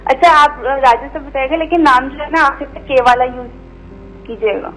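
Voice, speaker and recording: A woman's voice: high-pitched, a bit bright, soft background music, low-quality recording. A woman calling in over a landline phone, politely asking an astrologer short questions. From Pakistan. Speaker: caller.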